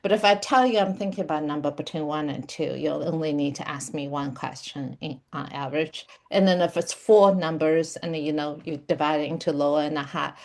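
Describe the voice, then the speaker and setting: A woman's voice: deep voice, fairly quick, hardly any pauses, a little mellow. A woman lecturing at a university course, explaining ideas step by step with frequent fillers and restarts.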